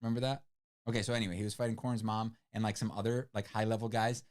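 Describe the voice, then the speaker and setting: Speaking very fast in a lowish voice, a man for whom English is a second language chats casually while co-hosting a book club livestream. His animated, rambling retellings are packed with "like" fillers.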